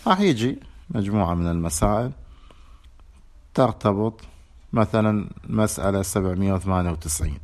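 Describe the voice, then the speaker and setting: A man with an Iraqi accent giving a lecture on a religious legal text, reading formal passages and then explaining them in colloquial speech with rhetorical questions. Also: low voice. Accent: Iraqi Arabic. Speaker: religious teacher.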